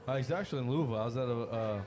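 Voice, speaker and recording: A man's voice: medium pitch, rapid-fire. Laughing, storytelling podcast guest man. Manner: animated storyteller, laughs often. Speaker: guest from a cigar company. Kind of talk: casual podcast chat. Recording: crowd chatter in background.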